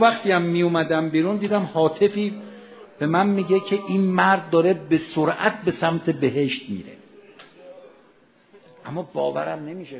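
A man preaching a sermon, telling a story dramatically, moving from hushed passages to loud exclamations. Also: a little high, creaky, dull audio. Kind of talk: Ramadan religious sermon storytelling.

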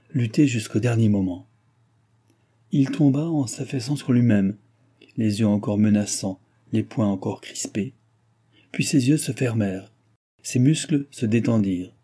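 A man reading a classic novel aloud in a dramatic, measured manner. His voice sits low, dark and husky. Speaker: narrator. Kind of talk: audiobook narration.

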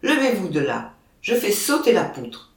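A reader voicing a big, stubborn bull who answers sullenly and defiantly, in a slow storybook reading. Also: mid-range voice, big pitch swings. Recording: roomy, distant mic.

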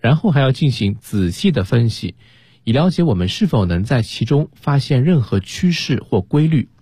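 Husky man chatting through a lesson. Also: medium pitch, very animated, moderate pace, warm tone, dry recording, studio quality. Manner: chatty, conversational explaining. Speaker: co-host teacher. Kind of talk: bilingual radio language lesson.

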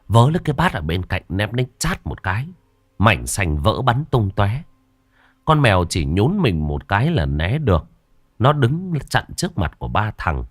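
Low, lively male horror storyteller. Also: no room sound. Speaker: narrator.

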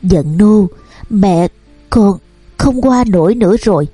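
Woman doing a dying mother, halting and weak. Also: mid-range voice, animated, warm tone, slightly rough, dry recording, faint music behind. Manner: halting, broken words.

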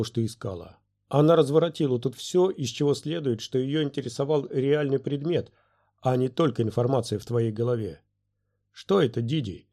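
A firm, steady Jedi master presses for answers with an impatient edge, as a male narrator plays him. The tone stays mellow and warm, slightly raised from the narrator's own voice. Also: medium pitch, natural voice.

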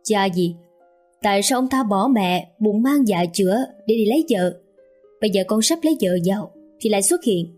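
A man's voice: sits high, lively intonation, normal speed, darkish tone, husky, faint music behind. A woman voicing a hot-tempered young man who speaks curtly and threateningly to his mother. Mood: angry. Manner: curt, demanding and threatening.

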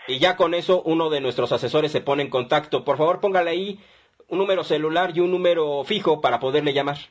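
A man's voice: a little high, quick pace. A man with a Mexican accent hosting a call-in radio advice show, chatty and upbeat as he reads listener messages and phone numbers.

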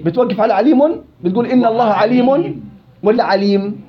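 Holding a steady tone in his high voice, a fast-speaking tajweed teacher with a Levantine Arabic accent fires questions at his recitation students. He drills them by repeating every word, all captured on a dull, lo-fi recording.

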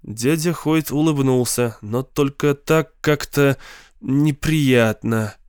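A man narrating a novel in a measured, unhurried way on a close studio mic. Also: mid-range voice, darkish tone, clean tone, no echo. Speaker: audiobook narrator. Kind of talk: scripted narration.

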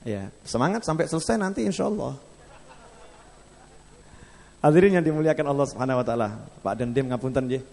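A man's voice: mid-range voice, lively intonation, fairly quick, creaky, pauses often, a little mellow, big-room sound. A man with a Javanese accent preaching at a gathering, joking and asking the crowd questions as he tells a story. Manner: jokes and asks the crowd questions. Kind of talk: sermon with storytelling. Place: large hall at a public gathering.

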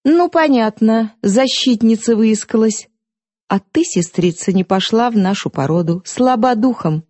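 A fierce, defiant young woman with a sharp, mocking edge, as a woman narrator puts her on. Her voice sits higher and pushes louder than the reader's own, dry and close. She bursts out in hot, scornful outbursts. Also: measured pace, no echo.

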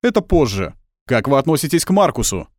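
A stern police officer in a spoken story barks short, commanding questions, as a male narrator puts him on. His tone is curt and dismissive, with a lively pitch. The sound is dry and close. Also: fairly quick, no echo, lightly acted.

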